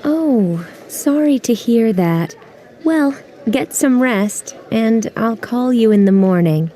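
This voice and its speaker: A woman's voice: a little high, expressive, slow pace, dark tone. An actress voicing a young woman phoning a friend who is late for a movie, in a careful textbook-audio delivery. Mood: sympathetic.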